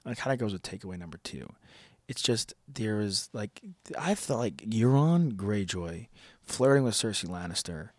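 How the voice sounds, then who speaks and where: A man co-hosting a podcast in casual chat, animated and swearing, full of "like" fillers. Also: fairly low pitch, moderate pace, dry recording. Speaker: podcast co-host.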